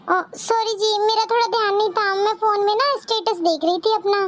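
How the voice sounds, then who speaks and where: A woman's voice: very high-pitched, steady tone, fairly quick, noisy background. A woman voicing a carefree young wife in a cartoon story who is glued to her phone. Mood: defensive. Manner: breezy, chirpy.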